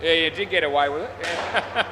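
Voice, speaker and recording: An Australian man calls an amateur indoor cricket game in a laconic, offhand way. His voice sits a little higher than average for a man. He sounds matey and informal, and there is clear hall noise with bouncing balls behind him. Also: moderate pace. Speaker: umpire and commentator.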